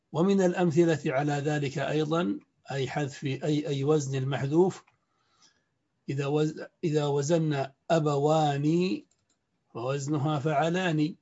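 A man, a sheikh, giving a measured classroom lecture, repeating key points and pausing to clear his throat. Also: fairly high pitch, steady tone, mellow. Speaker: sheikh teaching Arabic morphology. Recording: dull lo-fi recording.

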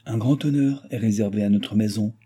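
Man voicing an earnest young officer, respectful, low husky voice, audiobook. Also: brisk, dark tone. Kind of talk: audiobook reading.

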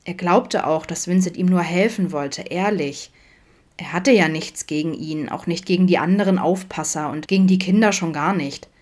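Lower-voiced woman reading a story. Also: moderate pace. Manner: steady storytelling narration. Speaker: audiobook reader. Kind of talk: reading fan fiction aloud.

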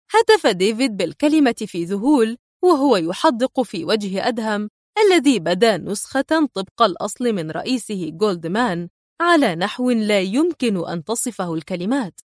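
A woman narrating a novel aloud in a steady, expressive reading. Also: a little high, no echo. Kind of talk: audiobook narration. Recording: dry close recording.

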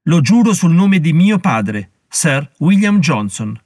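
A man's voice: on the high side, very animated, slow, a little mellow, dry recording, studio quality, pitched above the performer's own voice, exaggerated voice. A man voicing a cruel, menacing aristocrat who gives cold, commanding threats in an audiobook reading.

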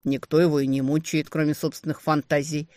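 Storyteller doing a male demon boss, amused and menacing, a bit loud on the orders, dry sound. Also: mid-range voice, flat delivery, a little fast, no room sound, lightly acted. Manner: cheerfully menacing. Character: mocking male demon ruler, cruelly amused.

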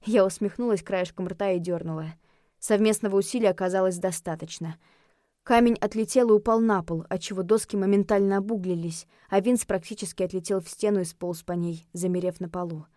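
Woman, audiobook narration, expressive first-person reading, dry close mic, mid pitch. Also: fairly quick, no room sound. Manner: expressive reading, drops soft and quiet in tense moments.

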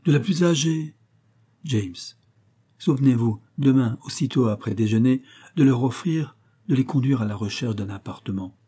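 A man's voice: medium pitch, moderate pace, mellow, breathy edge, natural voice. A man reading aloud, voicing a weary, fretful genteel mother who speaks with dramatic exasperation.

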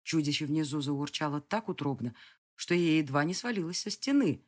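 A narrator giving a lively, expressive first-person reading of a fantasy audiobook. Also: mid-range voice, moderate pace.

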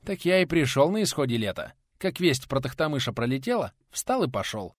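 A man voicing a tall bearded monk, a humble, quiet man who speaks modestly. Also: medium pitch, big pitch swings, a little fast, no room sound, studio quality. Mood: sorrowful.

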